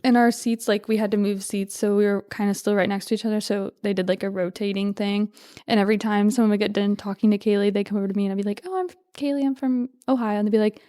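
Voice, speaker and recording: A young woman on a podcast recounts a trip with lively, rambling energy, peppered with fillers and laughter. Her voice is mid-pitched and close, with a dry sound. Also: fast talker, clean tone, dry recording. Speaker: podcast guest. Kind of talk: casual interview chat.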